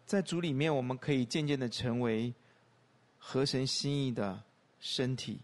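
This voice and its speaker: Brief: male pastor, steady mid-range voice, guiding a quiet prayer. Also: medium pitch. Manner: calm, measured prayer. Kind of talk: leading prayer.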